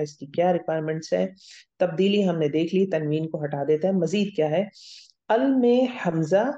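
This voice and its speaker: Female grammar lecturer, patient stepwise explainer, dark tone. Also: fairly low pitch. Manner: explains step by step, checks understanding with "theek hai?". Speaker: Arabic grammar teacher. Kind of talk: recorded classroom lecture. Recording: dull lo-fi audio.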